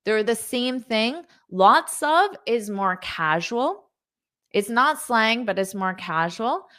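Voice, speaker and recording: A woman's voice: on the high side, animated, slow, bright, forceful tone. A woman teaching English in a live online lesson, reading out viewer comments, repeating words patiently and praising students.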